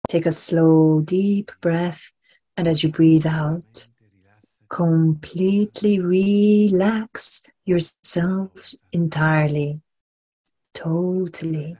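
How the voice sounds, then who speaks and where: A woman guides a relaxation meditation, her soft, breathy voice soothing and deliberate as she repeats phrases between long pauses. Her voice sits fairly low, and her intonation stays mostly even.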